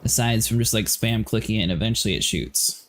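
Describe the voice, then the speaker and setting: A man's voice: on the low side, fast talker, fairly bright tone, a little hiss or hum. A man hosting a livestream, chatting casually about a game, laughing often and filling his talk with "like". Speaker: livestream host. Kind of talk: casual gaming chat.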